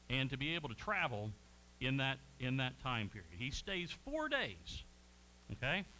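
A man teaching an adult Bible class in a lively, folksy way, his voice bright and ringing. His pitch sits a little high and rises and falls a lot, and he keeps checking in with his listeners. A faint hum runs underneath. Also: poor audio. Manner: animated, folksy, frequent "okay?" check-ins. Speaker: Sunday school teacher. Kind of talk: conversational Bible lesson.

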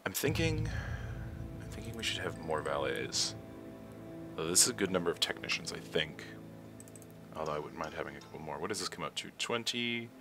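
A young man commentating his gameplay, rambling and thinking aloud with a chuckle. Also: low-pitched. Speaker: let's play host. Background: game music.

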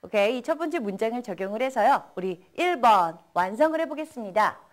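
A young woman teaching English in a bilingual lesson, reading example sentences slowly and clearly for listeners to repeat. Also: on the high side, expressive.

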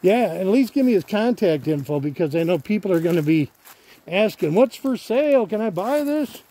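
Excited man touring a junkyard. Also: high voice, normal speed. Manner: enthusiastic, easygoing. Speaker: car channel host. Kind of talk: casual walkaround chat. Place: outdoors in a wooded junkyard.

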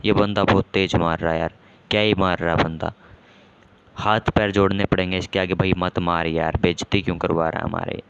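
A man hosting a gaming channel, giving casual commentary on a match with excitable, self-mocking banter and lots of repeated exclamations. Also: sits low, a little fast, vocal fry, a little hiss or hum. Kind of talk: casual live game commentary.

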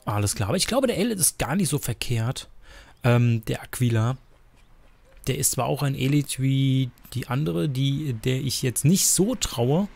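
A man's voice: mid-range voice, expressive, moderate pace, vocal fry, darkish tone, soft background music. A man playing a video game and giving casual commentary in a chatty, hesitant way. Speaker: let's play gamer.

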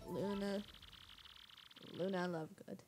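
A woman's voice: medium pitch, steady tone, takes it slowly, darkish tone, soft background music. A woman hosting a casual let's play, chatty, self-mocking and playful. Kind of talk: casual game commentary.

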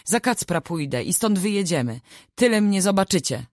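A woman's voice: fairly low pitch, sing-song, moderate pace, darkish tone, dry recording, studio quality, pitched above the performer's own voice. A woman reading the lines of a desperate young pregnant village daughter who cries out, tearful and defiant. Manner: crying out, pleading.

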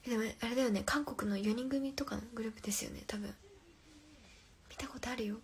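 A woman's voice: on the high side, fairly even intonation, fast talker. A young woman hosting a casual phone livestream, reading viewer comments aloud and answering playfully, often dropping to a whisper. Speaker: livestream host.

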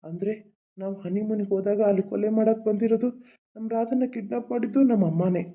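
Someone voicing a grieving cartoon husband. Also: male voice, high voice, fairly even intonation, a little fast. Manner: emotional, pleading. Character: grieving young husband searching for his lost child. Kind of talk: cartoon voice acting. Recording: tinny, phone-like sound.

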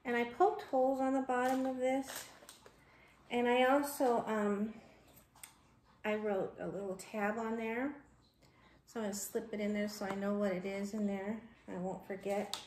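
A homesteading vlogger, a woman in her thirties, chats casually while working at her kitchen counter, thinking aloud with ums and restarts as she narrates a how-to. Her voice is on the high side, flat, unhurried, and darkish in tone. She is filmed indoors on a fixed camera across the counter, and the kitchen sounds echoey with background noise.

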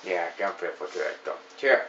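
Fast and animated, a low-voiced man with a pushed, bright delivery reviews a beer at home, rambling with enthusiasm and many "you know" fillers. He's in his thirties, from Ontario, Canada, and sits in a small room with shelves of beer. The reverberant recording is distant, with highs cut off and slight background noise.

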